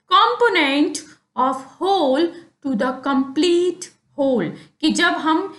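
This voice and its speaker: A woman teaching philosophy, reading definitions slowly and explaining them more quickly in casual asides. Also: high-pitched, a bit bright, echoey room. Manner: slow, deliberate reading of English definitions, quicker Hindi explanations. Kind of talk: explanatory lecture mixing Hindi and English.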